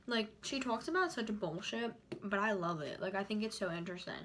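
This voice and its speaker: A young woman chats casually and haltingly to the camera in a rambling, informal way, chewing as she talks. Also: mid-range voice, lively intonation, fairly bright tone, slight background noise. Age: young adult. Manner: chewing while talking. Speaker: YouTuber vlogger. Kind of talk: casual chat to camera during a mukbang.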